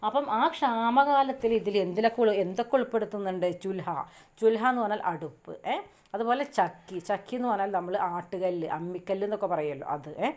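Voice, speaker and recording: A woman teacher explains a poem to her students one line at a time. She keeps asking the class questions and then answers them herself. Her voice sits at an ordinary middle pitch. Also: a little mellow. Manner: reads verse lines slowly.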